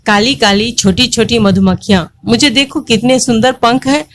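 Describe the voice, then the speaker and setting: A woman's voice: on the high side, steady tone, normal speed, close to an everyday voice. A woman voicing a proud young female butterfly in a storybook tale, scolding and boasting about her wings. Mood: boastful.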